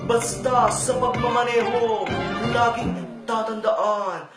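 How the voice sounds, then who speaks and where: A performer voicing a loud, excited game-show-style announcer. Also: medium pitch, takes it slowly, reverberant, recorded from a distance, music in the background, natural voice. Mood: hyped.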